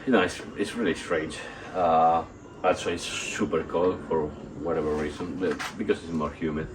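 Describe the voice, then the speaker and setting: A sick, nauseous man vlogs his workout off the cuff, his very deep voice keeping fairly even intonation. He halts and rambles, repeating himself as he hunts for words in a hesitant, casual way. The phone recording, made on a tripod outdoors under a tarp in a still yard, has noticeable background noise.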